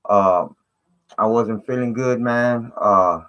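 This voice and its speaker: A man's voice: fairly low pitch, takes it slowly, dull audio. Man chatting on a distorted live stream. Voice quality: distorted, fuzzy sound. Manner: slangy, repeats "man" and "you know". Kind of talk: casual live stream chat, greeting viewers.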